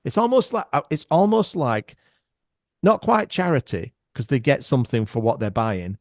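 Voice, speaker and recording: Animated man telling stories on a podcast. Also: medium pitch, normal speed, dry recording, studio quality. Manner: animated, acts out other people's voices. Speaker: podcast guest. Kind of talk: casual storytelling chat.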